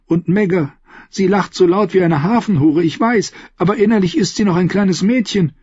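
A man's voice: normal speed, a little mellow, breathy edge, no echo, lo-fi sound. Man voicing a defiant, frightened young queen. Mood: indignant. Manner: shrill, rising outbursts. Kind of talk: audiobook dialogue.

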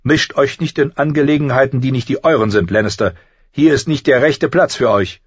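A man's voice: lowish voice, expressive, moderate pace, breathy edge, no echo, lo-fi sound. A man voicing a harsh, contemptuous male knight who trains recruits, with a cold, commanding voice.

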